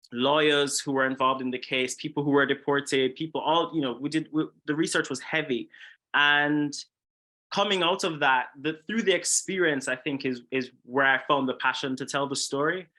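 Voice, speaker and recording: A man's voice: mid-range voice, normal speed, bright, forceful tone. A young man from Jamaica, a filmmaker, talking thoughtfully in a casual interview. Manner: thoughtful, with frequent restarts and laughs. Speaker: filmmaker guest.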